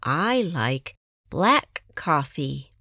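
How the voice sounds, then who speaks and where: Slow American woman giving textbook answers. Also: low voice, big pitch swings, sharp tone, dry recording, clean studio sound. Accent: General American. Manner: clear, deliberate enunciation for learners. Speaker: textbook dialogue reader. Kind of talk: slow scripted textbook reading.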